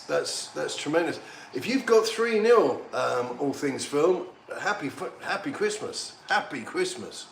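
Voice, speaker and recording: A man, a little tipsy, giving excitable, rambling banter while streaming a football match. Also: a little high, vocal fry. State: slightly tipsy. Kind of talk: casual live match commentary. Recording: echoey room, faint background noise.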